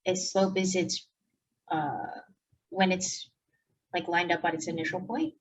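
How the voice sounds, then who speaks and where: Husky-voiced woman co-teaching math. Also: on the low side, little pitch movement, a little slow, poor audio. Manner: wry, self-mocking, answers questions. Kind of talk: co-teaching a lesson, casual banter.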